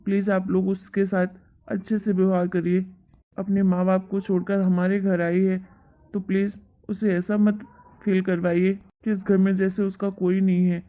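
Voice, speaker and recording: A young husband in a cartoon pleads calmly with his parents, voiced by a woman. His voice is mellow and flat, and the recording sounds dull and muffled. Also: medium pitch, normal speed, lightly acted. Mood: pleading. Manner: calm, apologetic.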